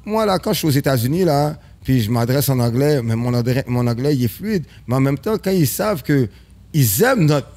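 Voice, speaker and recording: A man's voice: medium pitch, expressive, brisk, darkish tone. A man with a Quebec French accent, a guest entrepreneur in casual chat, emphatic and slangy, sprinkling English words like "man" and "bro".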